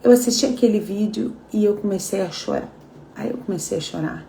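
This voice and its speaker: A woman's voice: medium pitch, brisk, creaky, mellow, slight background noise. A woman with a Brazilian Portuguese accent, leading a live devotional in a heartfelt, chatty way and speaking straight to her listeners. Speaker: devotional leader. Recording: echoey room.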